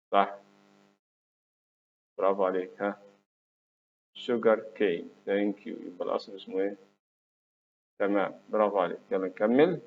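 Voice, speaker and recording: An Egyptian man teaches children new English words, saying each one for them to repeat and praising them as he goes. He talks slowly in a lowish voice. The sound is tinny and phone-like, with a faint hum underneath. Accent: Egyptian Arabic.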